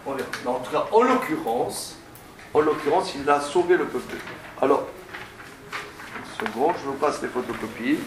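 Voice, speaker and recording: A male teacher giving a classroom lecture, often stammering and restarting, stressing points with drawn-out phrasing. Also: mid-range voice, lively intonation. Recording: echoey room, distant mic, faint noise.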